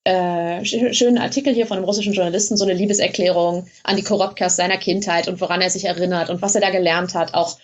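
A woman's voice: lowish voice, steady tone, fast, few pauses, muffled recording. A woman blogger being interviewed, explaining things in a chatty way with frequent hesitations. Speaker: blogger in Russia, guest. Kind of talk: casual interview.

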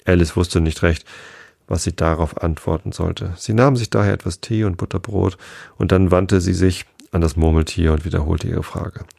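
A man narrating a storybook in a calm, steady reading. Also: low-pitched, moderate pace, vocal fry, no echo, clean studio sound.

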